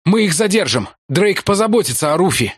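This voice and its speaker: Alarmed male explorer yelling orders, high and loud, put on by a male narrator. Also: big pitch swings, brisk, slightly rough, dry recording, clean studio sound, exaggerated voice. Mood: urgent. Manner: urgent shouting.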